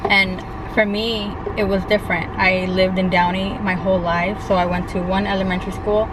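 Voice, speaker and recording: A young woman from California, telling a story in a chatty, rambling way for a couple's vlog. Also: medium pitch. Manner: chatty, rambling, lots of likes and restarts. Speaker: vlogger co-host. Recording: outdoor traffic noise behind. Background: street and car noise.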